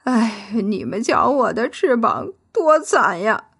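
A woman voicing a timid young male golden beetle in a children's audio story, with fearful, excitable cries. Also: a little high, slow, vocal fry, breathy edge, exaggerated voice. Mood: shaken, pitiful.

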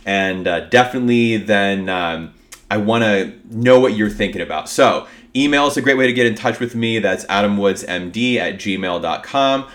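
A man with a fairly low voice hosts a solo podcast. He talks informally and with upbeat energy, as if chatting straight to his listeners. His voice carries the sound of a cold. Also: moderate pace, fairly bright tone. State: sick with a cold, voice affected. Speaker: podcast host. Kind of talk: casual solo podcast talk.

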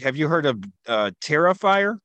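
A man's voice: on the high side, big pitch swings, moderate pace, fairly bright tone, lo-fi sound. A man co-host of a podcast, chatting casually and rambling through stories with lots of filler words. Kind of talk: casual chat.

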